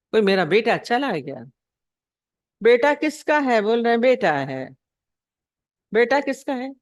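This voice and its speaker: A woman's voice: a little high, no room sound, clean studio sound. A woman spiritual teacher giving a devotional discourse. She asks rhetorical questions, repeats her points and acts out short anecdotes.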